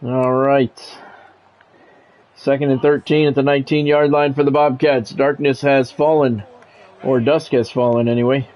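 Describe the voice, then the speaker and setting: A streamer calls a sports video game live, moving between announcer-style play-by-play and relaxed chat with his viewers. His voice sits at a medium pitch with a level tone, a moderate pace, and a slightly mellow quality.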